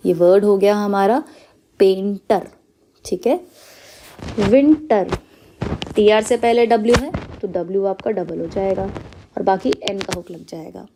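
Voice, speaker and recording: A woman's voice: mid-range voice, warm tone. A woman teaching a step-by-step stenography lesson, explaining each shorthand rule patiently and checking often that her students follow, with English terms mixed into her talk. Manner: explains patiently, checks with frequent "clear?" and "okay".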